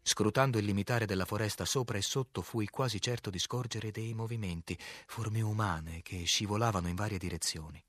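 Low-voiced man reading a story. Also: a bit bright, dry recording. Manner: measured, clear literary reading, acting out quoted lines. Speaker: narrator. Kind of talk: audiobook narration.

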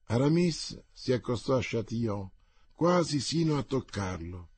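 A man reading a novel aloud in measured, even narration. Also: medium pitch, husky. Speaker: audiobook reader.

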